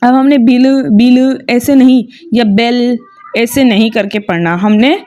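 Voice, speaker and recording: A woman teaching Quran recitation rules step by step in a patient, methodical way, often pausing to check that her students follow. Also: fairly high pitch, warm tone, dull audio. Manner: patient, methodical, repeats "okay" and checks understanding; slow drawn-out chanting when reciting verses. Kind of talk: tajweed lesson with recited examples.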